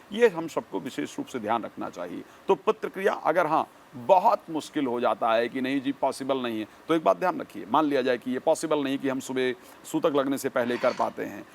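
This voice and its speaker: A man speaking as an expert guest, giving formal, measured instructions point by point. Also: fairly high pitch. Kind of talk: explanatory interview answers.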